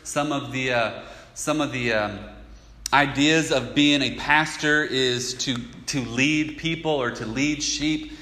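Male pastor, sermon, bright clear voice, conversational and emphatic, long hall reverb. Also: medium pitch, takes it slowly.

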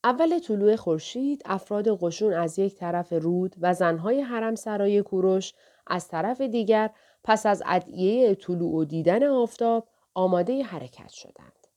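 Mellow-voiced woman narrating an audiobook. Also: mid-range voice. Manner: steady, measured reading. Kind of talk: audiobook narration of a historical novel.

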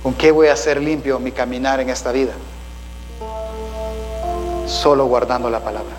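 A man's voice: mid-range voice, normal speed, music in the background, low-quality recording. A man preaching a sermon as a pastor, calling listeners "brother" and asking them rhetorical questions.

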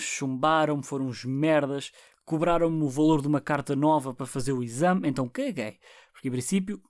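A man's voice: on the high side, dry recording, clean studio sound. A man in his twenties with a European Portuguese accent, hosting a casual solo podcast, rambling and swearing with many restarts. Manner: rambling and profane, with frequent restarts and fillers. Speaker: podcast host.

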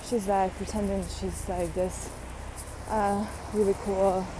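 Slow-talking young woman venting casually. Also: mid-range voice, little pitch movement, background noise. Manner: chatty, blunt, swears, many fillers. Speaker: vlogger.

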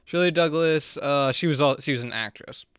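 A man's voice: fairly high pitch, normal speed, a bit bright, clean tone, no room sound. Male co-host, loose rambling chat, dry close mic. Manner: casual, rambling, full of "like" and "just". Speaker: podcast co-host. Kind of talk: casual chat.

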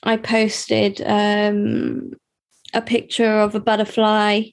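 A woman's voice: mid-range voice, monotone, takes it slowly, vocal fry. A young woman from the UK, talking hesitantly about her life in an interview, with many fillers and restarts. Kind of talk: personal interview.

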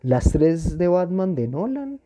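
A man chats on a podcast with big, theatrical exclamations. His intonation swings widely up and down, and his tone is deeply mellow and dark. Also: very animated, takes it slowly. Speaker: podcast co-host. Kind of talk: casual chat.

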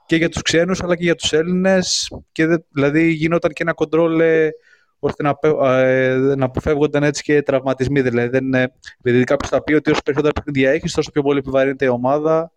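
A man's voice: fairly high pitch, little pitch movement, smooth. A man calling in to a casual chat show, talking about basketball with many fillers and restarts. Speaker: caller.

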